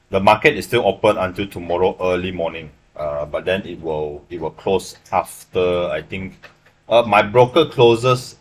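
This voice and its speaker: Young man, Malaysian English accent, very deep voice, faint hum, casual live-stream trading talk, keeps asking "right?". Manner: casual, explanatory, checks in with "right?" often. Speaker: livestream forex trader. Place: small room indoors.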